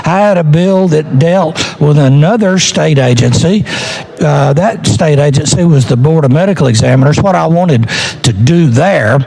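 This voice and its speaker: A man delivering a political floor speech as a legislator, arguing point by point in a deliberate way with rhetorical questions and repetition. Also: a little high, vocal fry, a little mellow, breathy edge, rough recording.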